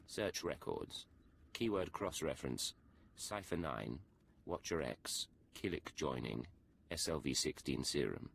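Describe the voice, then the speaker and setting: A male actor playing a terse, guarded imperial agent with clipped, deadpan delivery in a video game. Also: a bass voice, measured pace, vocal fry, slightly rough, heavily acted. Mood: terse, focused.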